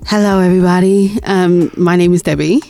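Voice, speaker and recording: A woman's voice: fairly low pitch, fairly even intonation, a little fast, soft background music. A young woman with a London accent from South East London, a singer-songwriter chatting easily and laughing as a podcast guest. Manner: easygoing, giggly, warm replies. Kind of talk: casual interview chat.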